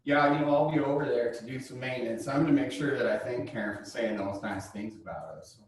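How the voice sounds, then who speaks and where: A man's voice: medium pitch, a little fast. A man playing a service technician in an improvised sales training role-play, polite and a bit hesitant as he asks questions. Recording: very echoey room, far from the mic, faint noise.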